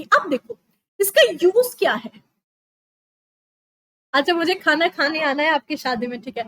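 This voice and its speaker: High-voiced chatty woman teacher. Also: a bit bright, no echo, low-quality recording. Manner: chatty, teasing students, counts aloud. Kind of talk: online exam-prep lesson.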